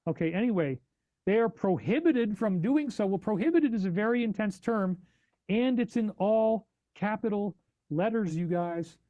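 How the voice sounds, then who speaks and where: A man hosting a live podcast stream, reacting to news and chat with animated, incredulous questions. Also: sits high, normal speed, no echo, muffled recording. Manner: reads chat donations aloud. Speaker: podcast host.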